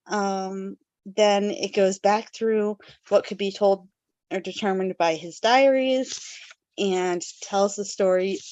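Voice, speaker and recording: A woman's voice: medium pitch, a little mellow, dry recording, highs cut off. A woman hosting a casual book club podcast, reading background notes and then summarizing the story with fillers and laughs. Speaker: podcast host.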